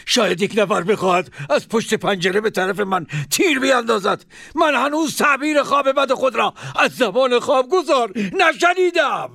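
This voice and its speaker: Jittery caliph, played by a man, high, gravelly, insistent. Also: expressive, hardly any pauses, sharp tone, dry recording, exaggerated voice. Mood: fearful. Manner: frantic, insistent, repeats words. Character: anxious, short-tempered caliph, a ruler. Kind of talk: storybook drama.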